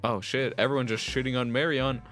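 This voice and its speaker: A man's voice: medium pitch, steady tone, brisk, a bit bright, soft background music. A young man playing and reading a visual novel aloud as a game streamer, sarcastic and cussing.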